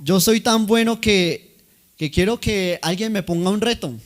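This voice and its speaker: A man with a Colombian accent voicing a proud, eloquent male stage actor in a sermon story, declaiming and rising to shouts. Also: high-pitched, measured pace, voice pushed up. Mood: grand.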